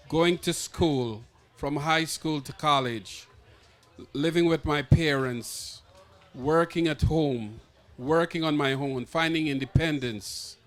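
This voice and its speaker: A man from Guyana presents his memoir at a book expo, speaking hesitantly and restarting phrases. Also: on the high side. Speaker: memoir author.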